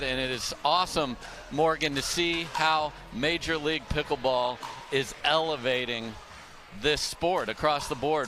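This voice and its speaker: A man doing enthusiastic play-by-play commentary at a live match. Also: mid-range voice. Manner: upbeat, enthusiastic play-calling. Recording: broadcast mic with loud crowd and outdoor noise.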